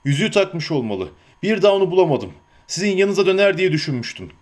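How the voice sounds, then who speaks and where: Guy playing a guilty warrior, slow hesitant talk, pitch moving a lot. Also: big pitch swings. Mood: heavy. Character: troubled guilt-ridden grown warrior man.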